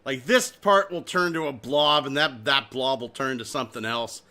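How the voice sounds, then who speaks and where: A man hosting a casual chat about toys, excitable and animated, swearing and joking as he talks. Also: medium pitch, moderate pace. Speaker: podcast host.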